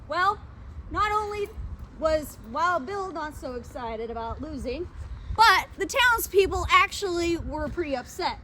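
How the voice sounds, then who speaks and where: A woman tour guide narrating local history to a group as she walks outdoors. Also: extremely high pitch. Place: outdoors walking through town. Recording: very noisy outdoor street recording.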